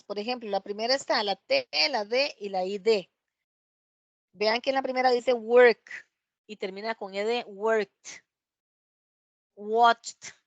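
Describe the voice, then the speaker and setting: A woman's voice: fairly high pitch, dry recording. A woman teacher explaining English past tense rules in a patient way, checking in often with her students. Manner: drills English words slowly, one by one. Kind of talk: online class explanation.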